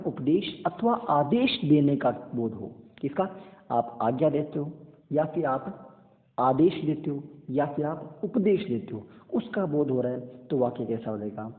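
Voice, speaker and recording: Hindi teacher in an echoey, tinny recording. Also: male voice, fairly high pitch. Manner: animated, repeats points and checks understanding. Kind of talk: exam-prep grammar lesson. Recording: echoey hall, tinny phone-like sound.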